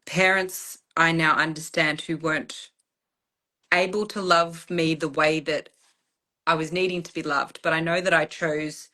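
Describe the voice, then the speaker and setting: A woman speaks very slowly in a bright, somewhat low voice. She talks personally and reflectively, pausing and restarting as she looks for the right words. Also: fairly even intonation. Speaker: client in a channeling session.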